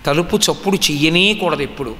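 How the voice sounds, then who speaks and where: High, bright-voiced man preaching in a hall. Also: fast, slight background noise. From Andhra region. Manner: emphatic, teaching with rhetorical questions. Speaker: spiritual discourse speaker. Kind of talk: religious discourse. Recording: long hall reverb.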